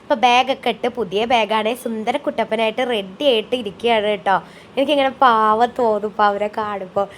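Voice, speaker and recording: A woman's voice: a little high, fairly quick, a little hiss or hum. Chatty mother narrating a family vlog. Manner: homely, chatty, tags sentences with "ട്ടോ". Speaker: vlogger and mother. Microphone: voice-over, close mic.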